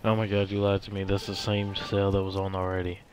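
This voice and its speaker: A flat, low-voiced trash-talking gamer. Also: male voice, fast talker, noisy background. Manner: trash-talking, profane, teasing. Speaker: gamer streaming a match. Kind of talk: casual gameplay chat.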